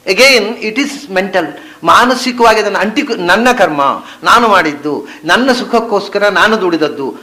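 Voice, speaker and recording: Guy giving a scripture talk, highish voice, chants verses then explains, goes quiet then punchy. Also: animated, unhurried, poor audio. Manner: switches between soft murmurs and emphatic stresses. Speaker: spiritual teacher. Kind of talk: scripture discourse.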